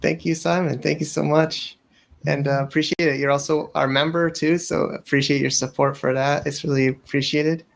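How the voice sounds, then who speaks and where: A man with a slightly higher voice runs an online panel, cheerful and thankful, warmly handing off to each speaker. He sounds encouraging and eager to keep things moving. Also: level tone, moderate pace, gravelly. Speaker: panel host. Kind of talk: casual hosting.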